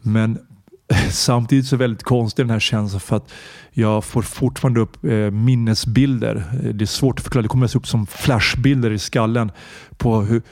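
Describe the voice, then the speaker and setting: A man's voice: mid-range voice, fairly even intonation, a little mellow, no room sound, clean studio sound. A man hosting a podcast, talking earnestly and reflectively in a personal monologue and searching for his words. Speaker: podcast host.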